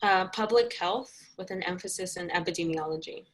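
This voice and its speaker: A young woman talks through her work as a guest on an interview show. Her voice sits a little low, and she speaks in a friendly, chatty way. She fills her pauses with plenty of "um"s. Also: poor audio. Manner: chatty, friendly, many fillers. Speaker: guest, community health educator. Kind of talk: casual interview answers.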